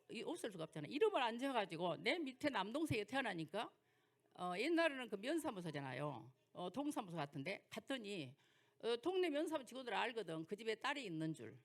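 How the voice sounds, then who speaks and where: An older woman pastor with a Jeolla accent, preaching through folksy personal stories and rhetorical questions. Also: fairly high pitch. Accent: Jeolla dialect. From Jeolla, South Korea. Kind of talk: sermon lecture with personal stories.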